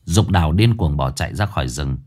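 A man narrating a ghost story in a dramatic, expressive way. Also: a bass voice, brisk. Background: faint background music.

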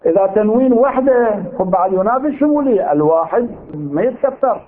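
A man teaches a seminary lecture in an Iraqi Arabic accent, working through his reasoning with rhetorical questions. His voice sits a little high for a man. The sound is thin and tinny, like a narrow-band recording. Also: animated, fast talker, husky. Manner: argumentative, poses rhetorical questions. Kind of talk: lecture on legal theory.

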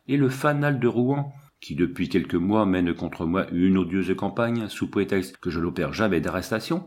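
A man's voice: sits low, darkish tone. A man reading the part of a small, self-important provincial police commissioner in an audiobook. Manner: chatty, self-important, confiding.

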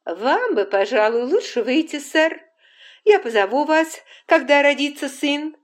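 A woman reading an audiobook and voicing a brisk, commanding middle-aged midwife who speaks slowly and with great assurance. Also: sits high, animated, voice pushed up. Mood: falsely cheerful.

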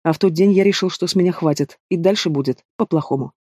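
Audiobook heavy: mocking young thug, read by a man, mellow and fairly high. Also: quick pace, no room sound, clean studio sound. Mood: scornful. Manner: taunting, drawling, casual menace. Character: sneering young male villain, lazy and mocking. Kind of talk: audiobook character voice.

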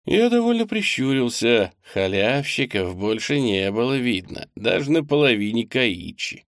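A man reading first-person narration from an audiobook in a steady, expressive way. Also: on the low side, no room sound, clean studio sound.

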